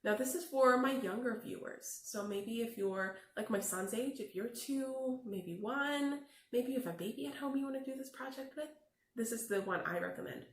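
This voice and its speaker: Her voice is fairly high and her pace moderate as this teacher, who hosts children's read-alouds, walks young viewers through a lesson in simple steps. The room is echoey, and there's faint noise in the background.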